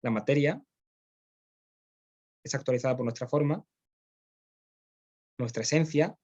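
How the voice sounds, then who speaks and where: A man's voice: mid-range voice, measured pace, a little mellow, slightly rough, dull audio. A man with a Spanish accent, teaching philosophy in a classroom, explaining step by step and often checking in with his students. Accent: Spain. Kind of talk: classroom lecture.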